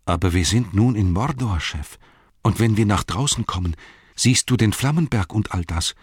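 A man's voice: on the low side, lively intonation, normal speed, breathy edge, no room sound, studio quality, voice pushed up. A man voicing a loyal, earnest male hobbit servant in an audiobook, protective and determined. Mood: reassuring. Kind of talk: audiobook character voice.

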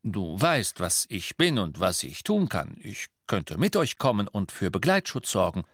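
A man's voice: fairly low pitch, very animated, a little slow, a bit bright, no room sound, clean studio sound, heavily acted. A man voicing Lupin, a weary, guarded werewolf. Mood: earnest, insistent. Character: weary middle-aged male werewolf teacher, guarded. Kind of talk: audiobook character reading.

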